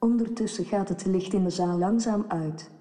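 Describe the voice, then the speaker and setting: A synthetic female computer text-to-speech voice, announcing in an even, measured way over loudspeakers in a theatre hall. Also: mid-range voice. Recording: echoey hall with long reverb.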